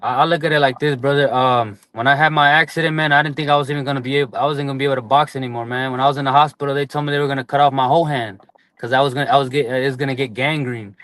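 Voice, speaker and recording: A man's voice: medium pitch, steady tone, racing, a bit bright, no echo. A man in his late twenties, a boxer and guest, speaking earnestly and from the heart, tacking "man" and "brother" onto his sentences. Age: 20s. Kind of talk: casual interview chat.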